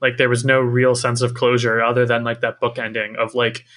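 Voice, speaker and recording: Man, bright crisp-edged tone, middle pitch, podcast co-host, casual analytical game chat. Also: monotone, a little fast.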